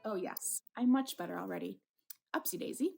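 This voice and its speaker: A wounded romantic hero as acted by a woman in a visual novel, flirtatious and full of theatrical bravado. The voice has a noticeable creak and sits at an ordinary pitch for a female reader. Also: normal speed, a little mellow, soft background music. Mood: playful bravado. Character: Julian, wounded flirtatious man, dramatic and lovestruck narrator. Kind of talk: dramatic visual novel reading.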